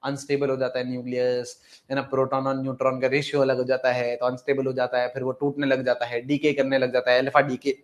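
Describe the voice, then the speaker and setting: A young man with a medium-pitched voice talks quickly and with a completely flat delivery while lecturing on chemistry in class. He coaxes students, repeats phrases, poses questions and answers them himself, mixing in English terms and calling students "beta".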